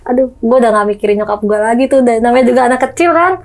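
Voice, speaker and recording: A woman's voice: fairly high pitch, racing, poor audio. A young woman, casually telling a true ghost story as a guest, acting out knocks and voices. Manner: lively, acts out knocks and voices.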